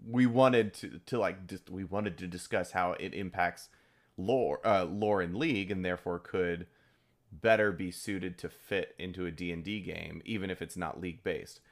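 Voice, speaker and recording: A man co-hosting a casual geeky discussion in a jokey, excitable way. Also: sits low. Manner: jokey, excitable, quick to laugh. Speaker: podcast co-host.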